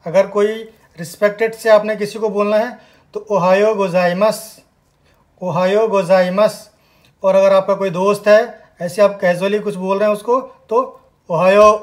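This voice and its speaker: A man teaching a spoken language lesson, repeating words slowly and emphatically for learners to copy. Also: sits high. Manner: slow, emphatic repetition of words.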